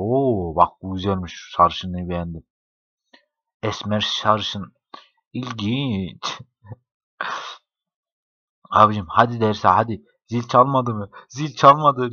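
A young man jokes his way through a game, talking to the characters and laughing often. His voice sits low but sounds bright and forward. The recording is dry and a little dull, like a basic home mic. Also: dry recording. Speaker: gaming YouTuber. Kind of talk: casual gameplay commentary.

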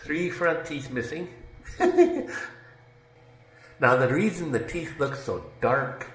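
A man's voice: fairly high pitch, sing-song, slow pace, fairly bright tone, slightly rough. Chatty older man narrating his vlog. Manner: chatty, laughing at himself, plain-spoken. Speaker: vlogger. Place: dental clinic, indoors.

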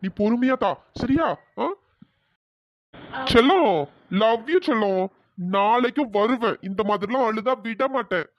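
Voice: medium pitch, a little slow, no echo, lightly acted. A performer voicing a brash, bossy young cartoon man who talks in a mid-range voice and orders people around. The lines come from a dry, dull lo-fi voice track. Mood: pleading. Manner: bossy and threatening, then pleading. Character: brash young man pushing a girl for her number.

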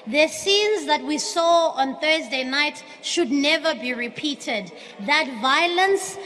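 A high-pitched South African woman in her thirties, the opposition chief whip, gives forceful oratory at the podium of a large parliamentary chamber, switching into isiXhosa. Her podium microphone feeds a broadcast recording with long hall reverb.

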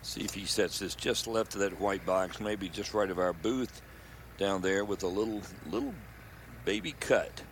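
A man's voice: low voice, normal speed. A man giving casual, analytical live commentary as a golf commentator. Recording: clearly noisy outdoor broadcast.

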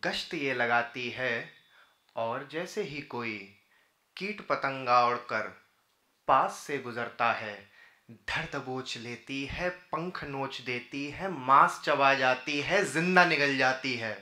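An Indian poet in his thirties gives a live Urdu-Hindi recitation at a podium on an indoor auditorium stage. His mid-range voice is very bright and forceful, slow and declamatory, with rhythmic repeated phrasing. The podium microphone and PA give a roomy hall sound.

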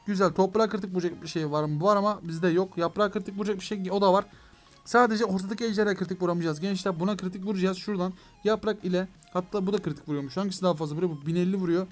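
A young man giving excitable let's play commentary on a mobile game, talking to his viewers and to the game, with mock frustration when things go wrong. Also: sits high, rapid-fire, soft background music. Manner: excitable, addresses viewers as "gençler". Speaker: gaming YouTuber.

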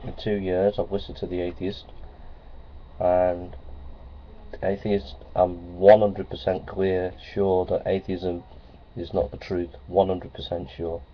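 A deep-voiced vlogger rambles to his webcam in a casual vlog, speaking flatly and slowly in a plainspoken, repetitive way full of ums and uhs. He sits in a small office with framed certificates on the wall. The close-range webcam gives dull lo-fi audio with a faint hiss.

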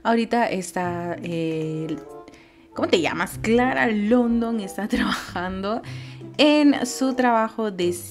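A woman's voice: medium pitch, takes it slowly, darkish tone. A woman, playing a life-simulation game and chatting casually to her viewers and to her game characters. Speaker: gaming YouTuber. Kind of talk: casual Let's Play commentary. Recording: game music behind.

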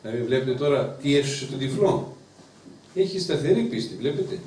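A man, a priest teaching a Bible class in an emphatic, lively way and often asking his listeners questions. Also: medium pitch, a little hiss or hum. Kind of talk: sermon. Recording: roomy, distant mic with faint ambience.

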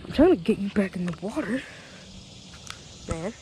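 A man's voice: sits high, animated, normal speed. Young man, casual fishing vlogger, laid-back chatty talk, head-mounted camera mic, outdoor ambience and noise. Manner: laid-back, chatty, says "dude" and "bro" a lot. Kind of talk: casual outdoor vlog narration. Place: outdoors by a small pond. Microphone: head-mounted action camera.

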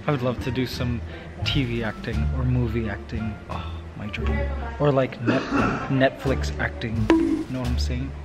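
A man's voice: mid-range voice, level tone, moderate pace. Chatty vlogger man over music. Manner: chatty, then hushed whisper. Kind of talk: casual vlog talk to camera. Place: backstage at a TV studio. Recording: music under the voice.

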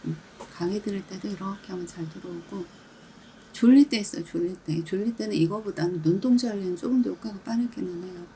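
Woman, casual coach, mellow tone, lively mini-demonstrations; faint hiss on the track. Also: medium pitch, quick pace, rough recording. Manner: chatty, demonstrative, acts out little scenes, laughs often. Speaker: brain habits coach. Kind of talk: casual instructional talk.

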